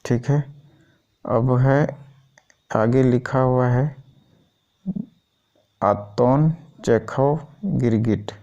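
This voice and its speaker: A man's voice: mid-range voice, fairly even intonation, very slow, long pauses, dark tone, muffled recording. A man going through a school syllabus item by item in an informal teaching style, often checking in with the listener. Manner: keeps repeating "thik hai" as a check-in.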